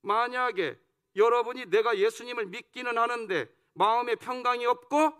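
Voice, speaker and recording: A senior pastor with a very high, clean, slightly bright voice preaches at a moderate pace in the church sanctuary. He playfully teases his congregation and draws them into call-and-response.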